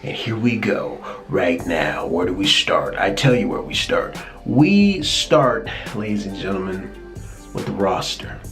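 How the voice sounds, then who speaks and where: A man with a lowish voice hosts his own wrestling talk show, excitable and a bit scattered, tripping over repeated words as he gets going. Faint music sits behind him in the recording. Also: unhurried. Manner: energetic, excitable, repeats words when fired up. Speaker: host. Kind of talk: casual wrestling commentary.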